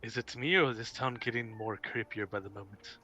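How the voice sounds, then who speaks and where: A man's voice: lowish voice, fairly quick, music in the background. A man bantering casually as a player in a tabletop game, on a somewhat muffled recording.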